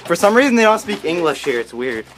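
Excited young man filming a castle tour. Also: high-pitched, fast talker, crowd noise. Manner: excited, playful narration to camera. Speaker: vlogger. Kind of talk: casual vlog chat. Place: old castle ruin and stone tunnels.

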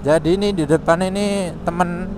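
A chatty man narrates his scooter ride in a fairly high voice. He exclaims often as he talks through city traffic. Steady wind and traffic roar sit under his helmet-mic recording. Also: moderate pace. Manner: chatty, exclaims often, laughs between remarks. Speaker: motovlogger. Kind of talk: casual motovlog commentary while riding. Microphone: helmet intercom mic.

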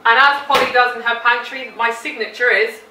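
With background noise present, a woman gives a chatty, playful cooking demonstration in her home kitchen, talking to the food as she goes. Her voice is a little high and a little fast, with a steady tone. The mic is distant in a roomy kitchen.

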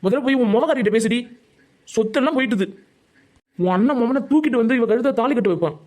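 A man doing a bullying cartoon father, gruff, threatening, snaps out lines at breakneck speed. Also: very high voice, lively intonation, quick pace, darkish tone. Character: harsh, bullying middle-aged father. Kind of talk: Tamil cartoon voice acting.

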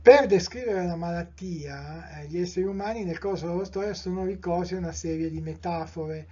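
A middle-aged man with an Italian accent giving a live lecture in a measured, discursive way, with fillers, self-corrections and rhetorical questions to his listeners. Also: sits high, mellow, slightly rough. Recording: dull lo-fi live lecture recording.

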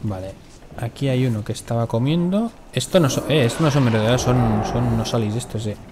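Excitable swearing Spanish gamer. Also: male voice, medium pitch, a little fast, noisy background. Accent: Spain Spanish. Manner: swears often, jumpy and excitable in fights. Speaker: gaming commentator. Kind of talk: let's play commentary.

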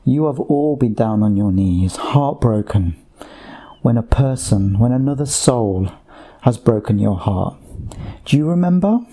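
A man speaking under hypnosis as a channeled voice, slow and repetitive, addressing listeners like a sermon. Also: fairly low pitch, mellow, slightly rough.

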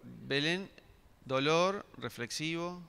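A middle-aged pastor with a fairly high, gravelly, sharp voice preaches slowly in a church hall, asking the congregation questions and frequently restarting. His tone is clean, and the hall adds long reverb.

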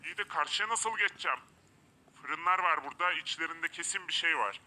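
Male let's-play commentator, eager, talks through each move, slightly high, tense, bright tone. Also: a little fast. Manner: eager, narrating each step aloud. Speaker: gameplay commentator.

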